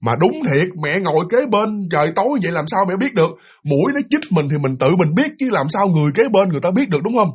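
A man telling a ghost story in a casual, animated way, repeating himself as he talks. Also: sits high, fast talker, hardly any pauses, breathy edge. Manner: animated, repetitive, conversational.

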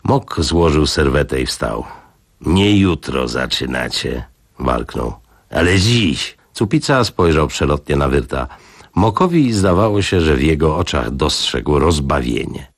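A man reading a novel aloud on radio, in an expressive, dramatic narration. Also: a bass voice, measured pace, no room sound, studio quality. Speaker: radio reader.

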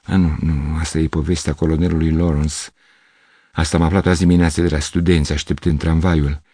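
A man reading a literary story aloud as narrator, in a measured, expressive manner. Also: a bass voice, slightly rough, no room sound, studio quality.

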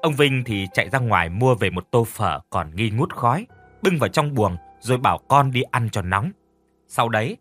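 A man narrating a scripted horror story with dramatic, expressive delivery. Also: mid-range voice. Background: faint music.

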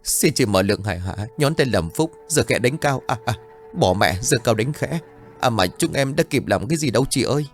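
A man's voice: medium pitch, lively intonation, brisk, faint music behind, natural voice. A man doing a blubbering cowardly young thug. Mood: pleading. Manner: sobbing, pleading, lapses into rhymed verse. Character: cowardly young male street thug, wailing, rhyming.

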